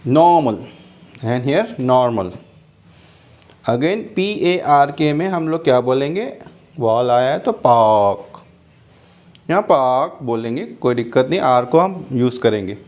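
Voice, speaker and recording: A middle-aged man with an Indian English accent teaching a classroom lesson, explaining slowly and repeating key points. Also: mid-range voice, lively intonation, darkish tone.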